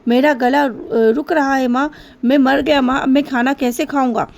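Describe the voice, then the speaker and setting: A woman's voice: sits high, steady tone, moderate pace, creaky. A woman voicing a whiny, quarrelsome boy who complains as an older brother in a spoken story. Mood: wailing. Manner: complaining, wailing.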